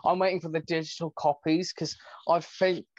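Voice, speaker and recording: A man's voice: fairly high pitch, level tone, moderate pace, no room sound, highs cut off. A man in his twenties hosting a podcast, chatting eagerly like a fan. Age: 20s. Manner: eager, gushing fan talk. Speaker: podcast host. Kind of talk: casual podcast chat.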